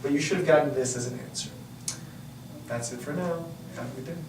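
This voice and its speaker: Chatty math teacher with a roomy echo. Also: male voice, on the high side, brisk. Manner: chatty, self-correcting, lots of "uh" and "you know". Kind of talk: explaining a math lesson. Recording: roomy echo, distant mic, faint hiss.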